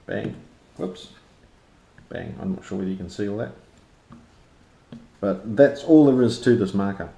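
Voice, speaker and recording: Casual male reviewer, broad Kiwi accent, low relaxed voice, informal and slangy, recorded in a roomy echo. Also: a little slow, creaky, long pauses, slight background noise. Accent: broad New Zealand. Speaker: product reviewer and interviewer. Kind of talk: casual unscripted review chat. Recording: roomy, echoey sound.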